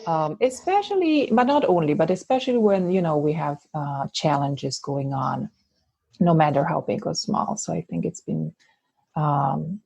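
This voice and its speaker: A woman's voice: sits low, animated, moderate pace, gravelly, warm tone, husky, no room sound. A woman from Switzerland with a Swiss Italian accent, a guest coach in an interview, talking thoughtfully with many fillers and restarts. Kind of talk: interview conversation.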